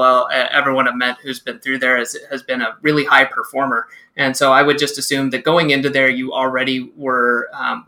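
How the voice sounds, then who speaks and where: A man's voice: medium pitch, pushed and bright. A man hosting a podcast, asking friendly, meandering questions. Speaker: podcast host. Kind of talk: casual interview questions.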